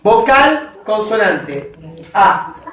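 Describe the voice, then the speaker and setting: A woman lecturer walks through her material at an unhurried pace, spelling things out one step at a time. Her voice carries the echo of a classroom and sounds picked up from some distance away. A faint hiss sits under the recording. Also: mid-range voice, very animated. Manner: slow, methodical, checks in with students. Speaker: university lecturer. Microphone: distant recorder in the room. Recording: echoey classroom recording from afar.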